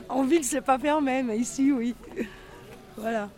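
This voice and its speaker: This man speaks slowly in an extremely high, slightly mellow voice. Interviewed on the street for local radio, he talks casually about village life, full of hesitations and filler words.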